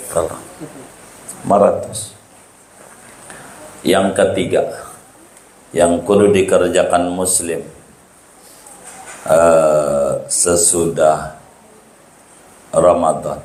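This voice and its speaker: A man delivers a playful sermon to a congregation, teasing listeners and acting out mocking quotes. His voice sits a little low and he speaks slowly. The sound carries the echo of a large hall. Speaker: Islamic preacher.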